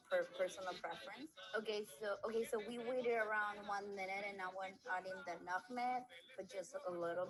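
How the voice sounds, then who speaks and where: A woman from the Republic, gently explaining a home cooking demonstration step by step. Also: medium pitch, rough recording. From Dominican Republic. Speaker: student affairs coordinator. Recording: video with background music.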